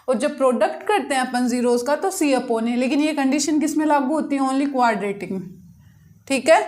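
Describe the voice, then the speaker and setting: A woman's voice: high-pitched, darkish tone. A woman maths teacher, teaching a class at the board. She keeps asking the class questions and answering them herself. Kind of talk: classroom lesson explaining problems.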